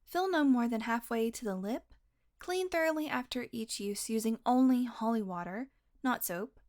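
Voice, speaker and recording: A woman's voice: fairly high pitch, expressive, moderate pace, darkish tone. A woman voicing a playful, predatory female vampire who teases and mocks, sometimes dropping to a whisper. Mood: mocking. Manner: playful, mocking, drifts into whispers. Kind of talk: audio roleplay.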